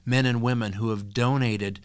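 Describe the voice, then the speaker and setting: A man guest on a podcast, telling stories in an earnest, animated conversational way. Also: mid-range voice, moderate pace, smooth, no room sound. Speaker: podcast guest, nonprofit co-founder. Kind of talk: conversational interview storytelling.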